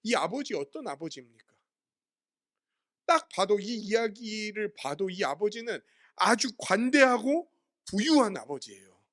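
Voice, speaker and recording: A man's voice: high-pitched, fairly bright tone. A man preaching a sermon as pastor, asking his listeners questions and answering them himself while explaining words from the Greek Bible.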